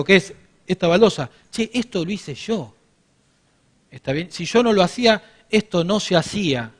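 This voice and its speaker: A man in his forties with a Rioplatense Spanish accent, giving a business workshop and telling stories straight to the audience. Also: a little high. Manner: animated storytelling, addresses the audience directly. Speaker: workshop speaker.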